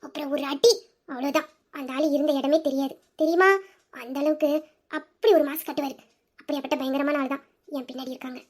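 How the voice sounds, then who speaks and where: A woman's voice: very high voice, expressive, fast talker. A woman playing a mischievous young wife. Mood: ominous. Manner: chatty and boastful, dropping to a hushed scheming tone. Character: playful, mischievous young wife named Ruby. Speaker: heroine of an audio drama. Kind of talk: Tamil audio drama acting.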